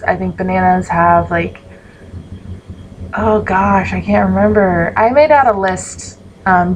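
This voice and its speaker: A sleepy young woman vlogs casually to the camera, yawning and rambling with plenty of "ums" and "likes." Her voice sits in the mid range, and the low-quality recording carries a faint hiss or hum.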